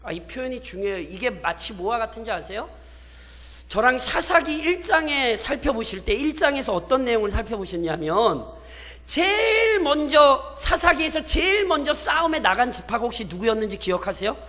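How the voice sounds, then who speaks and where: A man with a high, bright voice preaches a sermon in a church sanctuary. He keeps asking his listeners questions and slips into colloquial, mocking quotes as he retells scripture. His voice rings out in a long hall echo. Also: big pitch swings, moderate pace. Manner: expository preaching with rhetorical questions to the congregation; acts out biblical characters in mocking colloquial quotes. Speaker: pastor. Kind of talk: sermon at a midweek prayer service.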